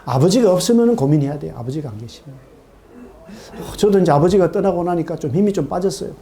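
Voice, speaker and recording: A middle-aged man preaching a sermon in a church, animated, asking his congregation questions and acting out quoted voices. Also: on the high side, fast talker. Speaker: pastor. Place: church sanctuary.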